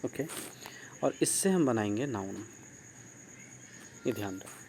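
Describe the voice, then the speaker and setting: A man with a lowish, unhurried voice teaches an online grammar lesson, asking his class questions, praising their answers and spelling words letter by letter. Steady insect and cricket noise runs in the background.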